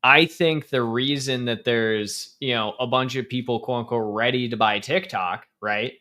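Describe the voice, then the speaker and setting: Man, co-host, casual chat, fillers and restarts, mid pitch. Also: fairly even intonation, normal speed, sharp tone. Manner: stammering restarts, lots of fillers. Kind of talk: casual live-stream chat.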